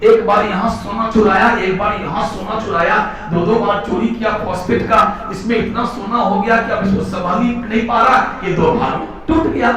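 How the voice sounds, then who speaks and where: A man's voice: high voice, steady tone, normal speed, few pauses, fairly bright tone. A man teaching a class, playfully quizzing students and turning molecules into characters. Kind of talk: classroom lecture with storytelling. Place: large classroom. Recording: very echoey classroom from far off, class audible.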